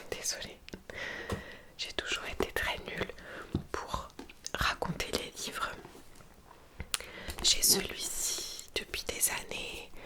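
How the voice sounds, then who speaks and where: A woman whispering softly and breathily, as in a library, in an informal, hesitant ASMR chat presenting books. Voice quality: soft, breathy unvoiced whisper.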